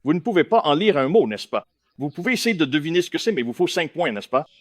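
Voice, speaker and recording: Male lecturer, animated pitch, keeps asking the room if they follow. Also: fast, no echo, clean studio sound. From India. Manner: keeps checking in with listeners, questioning and emphatic. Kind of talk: lecture to a live audience.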